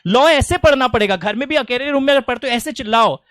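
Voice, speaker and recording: A middle-aged man with an Indian English accent and a very high, smooth voice teaches law to a class in a dry recording. He's animated and teasing, reciting definitions slowly, word by word.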